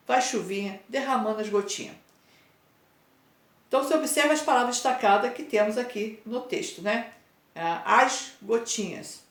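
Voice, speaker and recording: Brazilian woman, mid pitch, grammar teacher, patient and repetitive, echoey room. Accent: Brazilian Portuguese. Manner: patient, drawn-out spelling of word endings with frequent "né?" and "tá?" checks. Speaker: Portuguese teacher. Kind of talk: explaining homework to pupils.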